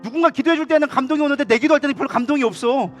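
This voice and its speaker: A man with a high voice preaching quickly and passionately, talking to his congregation in a conversational way. The sermon is delivered in a church sanctuary during an evening service, with faint instrumental music behind him. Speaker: pastor.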